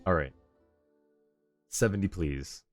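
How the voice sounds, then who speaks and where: With video game music in the background, a streamer thinks aloud in brief muttered bursts and talks to his chat. His voice sits low and he speaks slowly.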